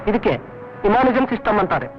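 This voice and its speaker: Brief: a clipped, fast-talking doctor, high voice, dull old film sound with music under. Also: male voice, very animated. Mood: grave. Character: calm formal male doctor giving bad news.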